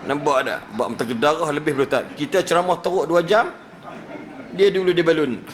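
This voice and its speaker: A man's voice: on the high side, a little fast, slight background noise. A man giving a humorous religious lecture, telling stories with jokes and acted-out quotes.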